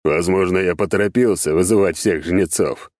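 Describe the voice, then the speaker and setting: A man's voice: low voice, normal speed, a little mellow, dry recording, clean studio sound, close to an everyday voice. A man reading an audiobook, voicing a big scarred male demon crime boss who gives orders in a mocking, commanding way. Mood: amused. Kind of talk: audiobook character voice.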